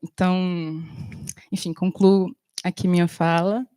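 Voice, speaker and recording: A woman film editor and teacher speaking reflectively on a panel, pausing often with soft fillers. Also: lowish voice, little pitch movement, clean tone, no echo, clean studio sound. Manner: thoughtful, with frequent fillers and soft pauses.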